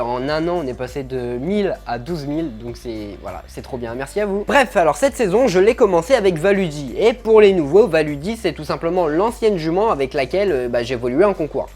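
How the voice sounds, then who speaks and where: A man's voice: a little high, darkish tone. A man talking casually to his viewers in a vlog, upbeat and chatty, telling his story with lots of fillers. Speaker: show-jumping vlogger.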